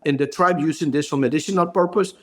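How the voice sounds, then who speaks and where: Halting man. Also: fairly high pitch, fairly bright tone. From Ecuador. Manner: halting, searching for words. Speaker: brand co-founder and hairstylist. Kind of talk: podcast interview.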